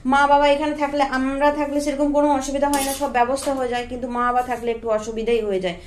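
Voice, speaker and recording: A woman with a West Bengal Bengali accent narrates her daily home vlog in a chatty, homely way, talking straight to her viewers. Her voice sits a little high. A faint hum of the house runs behind her as she films on her phone. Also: flat delivery, very fast, darkish tone. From West Bengal, India. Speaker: family vlogger. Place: family home, indoors and on a rooftop.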